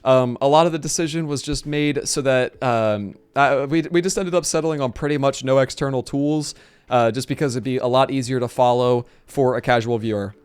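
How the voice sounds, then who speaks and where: A man with a medium-pitched voice is streaming live, rattling on excitedly and fast in a casual chat about setting up a tournament, his voice growing hoarse as he goes.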